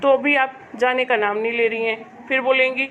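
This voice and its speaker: A woman's voice: high voice, fairly even intonation, normal speed, a bit bright, slight background noise. A woman voicing an irritable adult son who scolds his mother impatiently in a family drama. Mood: scolding. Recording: dull lo-fi home recording.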